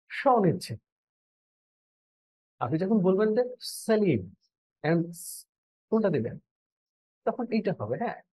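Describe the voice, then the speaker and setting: A woman's voice: mid-range voice, darkish tone. A woman teaching pronunciation, drilling each sound and word one by one, switching between Bengali explanation and English examples. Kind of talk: pronunciation lesson.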